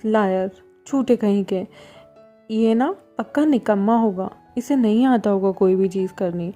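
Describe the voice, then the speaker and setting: A woman's voice: medium pitch, unhurried, mellow, soft background music, natural voice. A woman voicing a jealous, pouty little boy with sulky, petulant retorts, in a storybook reading.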